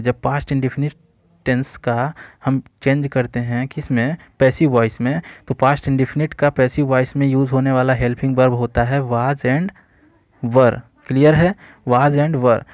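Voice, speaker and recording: Male tutor, mid-pitched, dry close recording, patient step-by-step explainer. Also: no room sound. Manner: steady explanatory teaching, addresses viewers as friends, frequent "theek hai" check-ins. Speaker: exam-prep teacher. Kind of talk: explaining English grammar quiz answers.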